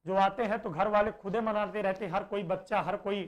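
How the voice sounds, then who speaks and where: High-voiced man teaching a class. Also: steady tone. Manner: explains slowly, repeats points, asks and answers own questions. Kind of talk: online exam-prep class.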